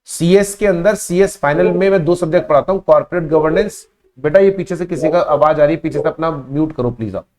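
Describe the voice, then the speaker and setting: An adult man teaching a live online class, his voice sitting a little on the high side. He presses his points hard, says the same phrase two or three times for weight, and talks to his students in a warm, instructive way. He keeps up a steady lecture while taking their questions. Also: a little fast. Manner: emphatic, repeats key phrases, addresses students as beta.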